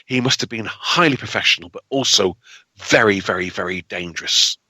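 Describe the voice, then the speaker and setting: A man's voice: lowish voice, fairly quick, pushed and bright, husky, dry recording. A man speaking as a guest historian, telling a story dramatically and repeating words for emphasis. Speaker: guest historian and tour guide.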